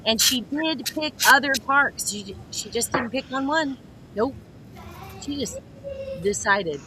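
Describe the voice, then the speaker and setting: Bright chatty woman hosting a news chat. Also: sits high, animated, a little hiss or hum, low-quality recording. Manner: chatty, sarcastic, quick to joke. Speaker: host. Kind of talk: comedic news roundup chat.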